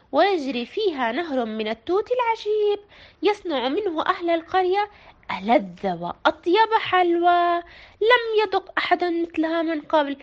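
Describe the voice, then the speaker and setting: A woman reading a children's picture book aloud in an expressive, sing-song way. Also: very high voice, lo-fi sound. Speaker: storyteller.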